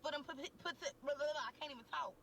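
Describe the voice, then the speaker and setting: A young woman on a podcast, telling a candid story in a crude, slangy, animated way and talking straight to the listeners. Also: sits high, very fast, a little hiss or hum. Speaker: podcast co-host. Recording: voice a bit distant from the mic.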